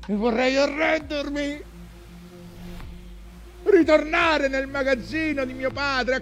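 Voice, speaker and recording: An old whaling captain, worn out yet obsessed, in a theatrical monologue. His voice is high for a man and moves slowly through anguished, declamatory phrases. Music plays behind him. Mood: anguished, exhausted. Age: older. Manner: declamatory, anguished, swinging from murmurs to cries.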